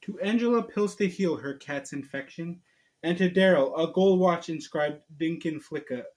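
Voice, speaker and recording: A man with a slightly high but darkish-toned voice speaks at a moderate pace while hosting a homemade video. He chats casually and reads a storybook aloud, informally and with small stumbles.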